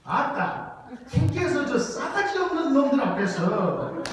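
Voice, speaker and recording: Brief: a man playing a giddy, high-pitched Jeolla-accented country man, loud, echoey hall from far off. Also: very animated, slow pace, slight background noise, heavily acted. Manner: loud, drawling, playful dialect. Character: exuberant rustic man praising God.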